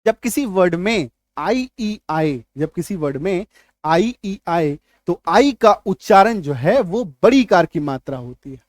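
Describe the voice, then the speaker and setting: A man's voice: high voice, no room sound, studio quality. A man, teaching English spelling rules at a whiteboard. He spells words out letter by letter, checks often whether students follow, and answers his own questions. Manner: repeats key points as questions and answers them. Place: classroom at a whiteboard.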